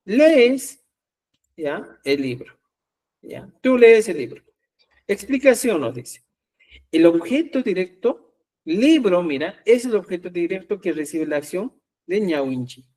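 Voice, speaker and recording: A man's voice: high-pitched, sing-song, slow, a little mellow, far from the mic. A man teaching a language class, explaining step by step and checking often that students follow.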